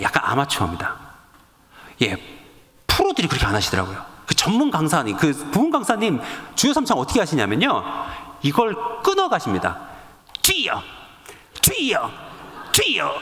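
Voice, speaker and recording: A man preaching a sermon, telling a personal story in an animated way and acting out the voices in it. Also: a little high, brisk, in a large hall. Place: church sanctuary.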